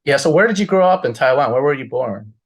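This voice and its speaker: A man hosting a casual interview, friendly and asking quick follow-up questions. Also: mid-range voice, lively intonation. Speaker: interviewer, host of an English club.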